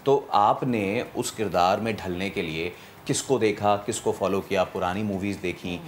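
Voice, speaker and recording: Low-voiced man hosting a morning show. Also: a little slow, a little hiss or hum. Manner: asks long, winding questions with English phrases mixed in. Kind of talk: casual studio interview. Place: TV studio.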